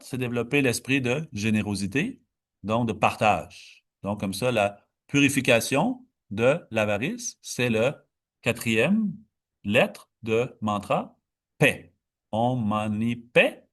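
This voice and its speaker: Man giving an unhurried dharma talk. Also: medium pitch, a bit bright. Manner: unhurried explaining, many restarts, stretches key words. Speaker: meditation teacher.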